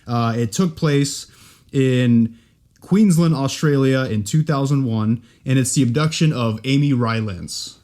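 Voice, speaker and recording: A man's voice: mid-range voice, measured pace, a little mellow. A young man from California co-hosting a podcast in casual, joking chat, rambling and poking fun at himself. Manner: joking, rambling, self-deprecating. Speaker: podcast co-host.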